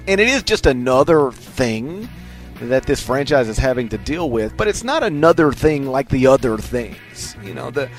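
A man's voice: medium pitch, big pitch swings, moderate pace. Rambling male sports radio host over music. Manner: rambling, repeats phrases for comic emphasis. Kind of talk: casual sports talk and ad reads. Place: radio studio.

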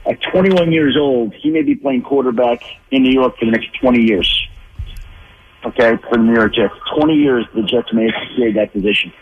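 A man's voice: mid-range voice, fairly quick, slightly rough. A man calling in as a football insider, thinking aloud with lots of restarts and repeated words. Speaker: NFL insider guest. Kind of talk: phone-in sports analysis. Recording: tinny phone line.

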